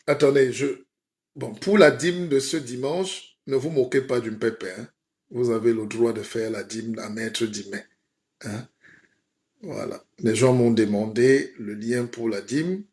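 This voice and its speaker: A man playing a comic spiritual guide in a mock sermon on a live stream, playful and rhetorical, often asking his listeners "hein?". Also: medium pitch. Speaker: comedic self-styled spiritual guide.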